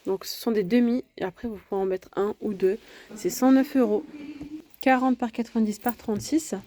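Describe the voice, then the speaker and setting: Casual woman vlogger, mellow tone, chatty store walkthrough on a phone. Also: a little high, steady tone, moderate pace, slight background noise. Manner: chatty, lists prices and sizes, frequent fillers. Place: large home improvement store, indoors.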